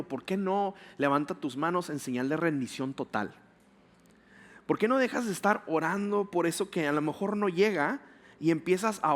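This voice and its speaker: A man's voice: high-pitched, a bit bright. A male pastor, preaching a conversational sermon full of rhetorical questions.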